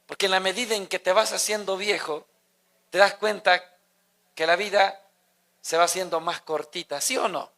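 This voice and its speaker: High, bright-voiced male preacher. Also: steady tone, moderate pace, vocal fry. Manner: preaching with rising emphatic questions to the congregation. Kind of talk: sermon.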